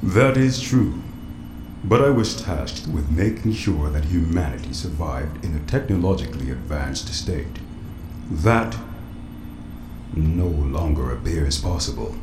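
A man playing a formal, measured android computer that runs a doomsday bunker, in an audio drama. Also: very deep voice, expressive. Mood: grave. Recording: roomy echo, noisy background.

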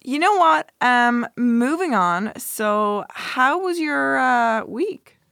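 A woman's voice: on the high side, expressive, vocal fry, a bit bright, no echo, studio quality. Teasing young woman streamer. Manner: teasing, quick banter. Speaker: streamer guest. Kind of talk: casual podcast chat.

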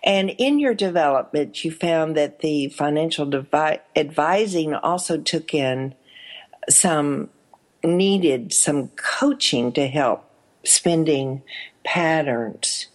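A woman hosting an interview, asking questions in an unhurried way with frequent affirming interjections. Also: low-pitched, animated. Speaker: interview host. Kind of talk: casual interview talk.

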